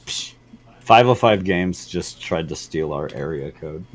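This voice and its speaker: Man, podcast co-host, slow talker, low pitch, dry humor, faint noise. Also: expressive. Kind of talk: casual podcast banter.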